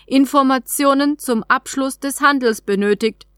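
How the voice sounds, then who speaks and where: A prim robotic alien trading capsule, put on by a woman storyteller, reciting its notices in clipped, formal phrases. The voice sits fairly high and sounds dry and close. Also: moderate pace, fairly bright tone, clear, resonant tone, no room sound. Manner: clipped, formal machine announcements.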